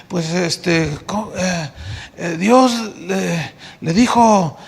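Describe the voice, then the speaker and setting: A man's voice: high-pitched, very slow, gravelly, husky. A male pastor with a Mexican Spanish accent, preaching a sermon and telling a story in which he acts out the dialogue. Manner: lively storytelling, acting out dialogue. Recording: long reverb of a church hall.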